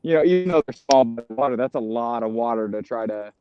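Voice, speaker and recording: A man's voice: medium pitch, lively intonation, fast, clear, resonant tone, faint music behind. Man on a dull, lo-fi video call. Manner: loose, rambling, thinks aloud with fillers. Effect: heard over a video call that cuts out. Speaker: tournament angler calling in. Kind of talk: casual chat. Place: out on a lake, at the back of the water.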